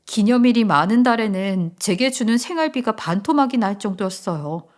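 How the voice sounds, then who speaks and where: A woman narrating a first-person family story in a calm, measured, confiding way. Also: mid-range voice.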